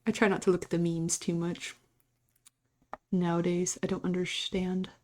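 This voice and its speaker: A woman's voice: fairly low pitch, level tone, moderate pace. A young adult woman streamer casually chatting with her viewers, laid-back and often breaking into giggles. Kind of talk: casual live-stream chat.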